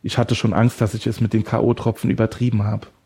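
A man's voice: on the low side, little pitch movement, quick pace, warm tone, husky. A man voicing a deranged male woodcutter who holds someone captive, taunting and smug, then creepily tender. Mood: mocking. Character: deranged male woodcutter kidnapper, mocking and obsessive.

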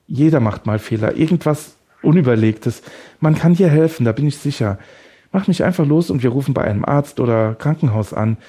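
A man's voice: mid-range voice, expressive, brisk, warm tone, slightly rough, pitched above the performer's own voice. A man voicing a frightened young male captive who gasps and pleads. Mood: pleading, scared. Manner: gasping, pleading.

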